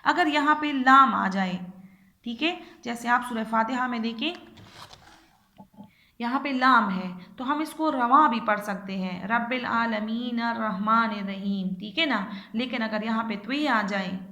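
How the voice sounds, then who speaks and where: A woman teacher, giving a recorded lesson to young children and repeating each phrase slowly and patiently. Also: a little high, pushed and bright.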